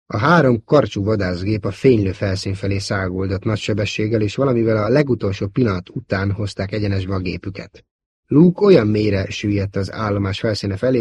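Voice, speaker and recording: Husky low-voiced male narrator. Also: a little mellow. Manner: measured storytelling. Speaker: audiobook narrator. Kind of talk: scripted narration.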